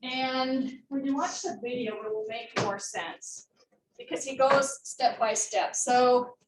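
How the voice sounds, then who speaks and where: A woman's voice: high voice, takes it slowly, a little hiss or hum. Woman, nursing instructor, casual lecture style, fillers and asides, roomy distant classroom recording. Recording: roomy classroom audio from far off.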